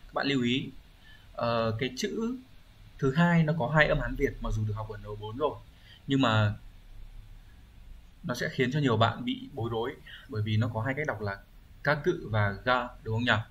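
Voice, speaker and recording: In this lo-fi exam review, a Japanese teacher with a middle-pitched, fairly bright voice handles the questions one at a time. He patiently explains each word and keeps stopping to confirm his students are following, over a faint hiss.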